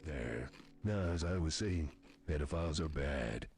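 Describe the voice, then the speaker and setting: A man streaming, putting on a pompous macho character through voice changer software that pitches his voice far down. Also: animated, measured pace, gravelly, music in the background, exaggerated voice. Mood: mock solemn. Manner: pompous, solemn mock speech. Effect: voice changer software pitching the voice very deep. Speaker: streamer reacting to videos.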